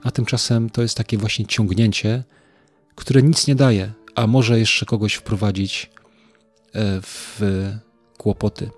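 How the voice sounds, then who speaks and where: A man's voice: on the low side, fairly even intonation, slow pace, slightly rough, faint music behind. A man preaching an informal sermon, talking conversationally with many fillers, repeated words and tag questions to the listeners.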